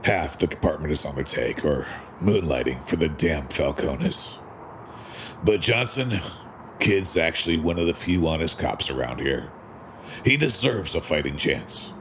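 An actor playing a gruff, weary older police commissioner in an audio drama, grumbling in folksy, streetwise slang. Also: male voice, a bass voice, fairly bright tone, a little hiss or hum, exaggerated voice.

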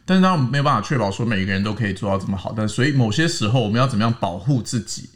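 A man's voice: on the low side, lively intonation, racing. A man with a Taiwanese Mandarin accent hosting a casual panel chat, explaining English words and spelling them out. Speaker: host teaching English words.

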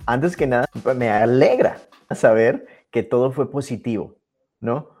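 A man hosting an interview, asking gentle questions and often adding a tag question. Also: mid-range voice, animated, unhurried, faint music behind. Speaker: podcast host.

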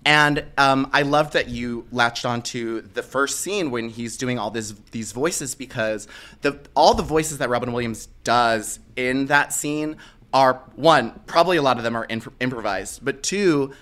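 Sassy campy guy chatting movies, bright sharp voice, super emphatic and slangy. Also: mid-range voice, unhurried. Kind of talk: casual film chat.

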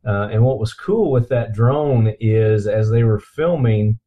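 Captured on a computer's built-in mic with dull, lo-fi pickup, this man hosts a podcast full of enthusiastic casual chat. His voice is on the low side and his pace a little slow.

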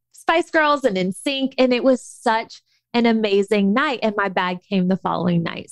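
A young adult woman telling a story in a casual, animated chat, with lots of restarts. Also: medium pitch, dry recording. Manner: animated, chatty, many restarts.

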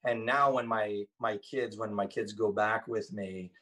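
Brief lower-voiced man, 40s, Thai first language, easygoing guest who rambles and restarts. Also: fairly even intonation, measured pace, a bit bright, rough recording. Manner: rambling with frequent ums and self-corrections. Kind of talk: casual interview talk.

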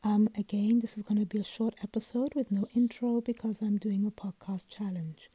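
A sleepy woman hosts her podcast in a low, breathy whisper, with a very dark and mellow tone. She chats casually into a close mic in a dry, dead room, trailing off into ums and restarts as she goes. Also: steady tone, moderate pace, no echo. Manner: speaks mostly in a soft whisper, with many ums and restarts. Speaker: podcast host. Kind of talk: casual solo podcast chat.

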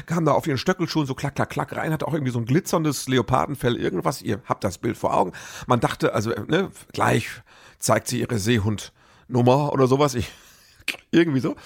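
A comedian telling rambling, self-correcting anecdotes in a casual monologue. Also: male voice, medium pitch, creaky, breathy edge.

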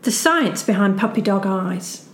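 A woman's voice: mid-range voice, expressive, a little slow. A woman co-hosting a podcast, reading news items aloud with dry, sweary asides. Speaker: podcast co-host. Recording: roomy echo.

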